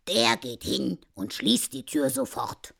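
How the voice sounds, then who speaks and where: A woman voicing a stubborn, grumpy old husband in a recited ballad, dropping her voice low and gruff, some words nearly whispered. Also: very animated, slow pace, fairly bright tone, exaggerated voice. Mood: scheming.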